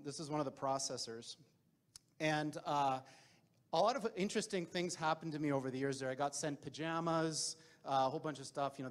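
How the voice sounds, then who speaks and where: A man in his forties presenting informally at a tech event, wry and conversational, speaking into a handheld microphone. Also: medium pitch. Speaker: tech founder giving a presentation. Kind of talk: informal conference talk. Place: indoor presentation room.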